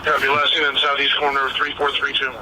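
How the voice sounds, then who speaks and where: A man's voice: medium pitch, completely flat delivery, quick pace. A man working as a police radio dispatcher, reading out calls in a clipped, procedural way over the radio. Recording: very noisy police radio transmission.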